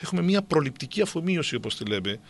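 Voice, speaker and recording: A man's voice: fairly high pitch, big pitch swings, gravelly. A middle-aged man explaining at length to a co-host, with many hesitant fillers. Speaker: guest.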